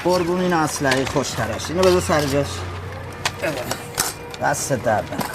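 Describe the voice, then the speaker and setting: An actor playing a gruff, laid-back man in film dialogue, talking slowly in a low voice. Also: animated, very noisy. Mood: easygoing. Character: gruff laid-back man nicknamed for his rifle skill. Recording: film soundtrack with loud music.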